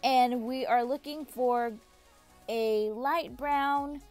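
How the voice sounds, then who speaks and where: A woman's voice: high-pitched, steady tone, extremely slow, darkish tone, soft background music. A woman narrating a step-by-step cooking tutorial as the channel host, giving friendly, repetitive instructions straight to the viewer. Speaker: home cook and channel host.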